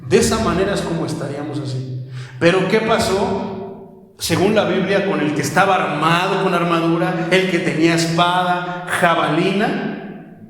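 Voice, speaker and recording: A man's voice: sits high, moderate pace, a bit bright. A man with a Mexican accent, preaching a sermon as a pastor in a small house of prayer, asking the congregation many rhetorical questions. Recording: echoey hall with long reverb.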